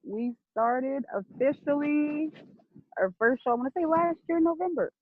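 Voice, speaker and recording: A woman's voice: sits high, animated, normal speed, no room sound. A woman guest chatting casually about her podcast, laughing often and swearing freely. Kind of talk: casual interview chat. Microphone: video or phone call. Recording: tinny phone-like line.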